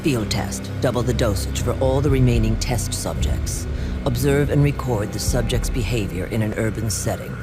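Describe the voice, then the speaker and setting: An actor playing a cold, ruthless project official in a video game, reading out secret orders in a terse, clinical, commanding way. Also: male voice, medium pitch, moderate pace, lightly acted. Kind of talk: scripted reading of classified orders. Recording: loud music under the voice.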